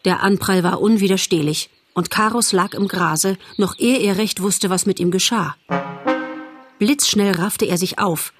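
A woman narrating a storybook audiobook in a measured, expressive storytelling voice. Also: mid-range voice, over loud music.

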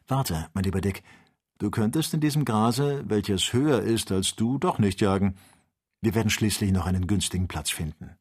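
A man reading an audiobook puts on a composed, learned doctor who reassures his companions. The voice is low and slightly husky, and the pace is steady. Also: normal speed. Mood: reassuring. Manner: calm, reassuring. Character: calm, learned male doctor leading an expedition. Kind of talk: audiobook character voice.

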